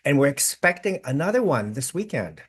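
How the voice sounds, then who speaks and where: A man's voice: on the high side, sing-song, brisk, breathy edge. A man hosting a casual video-call interview, chatty and effusive, with many restarts. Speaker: host.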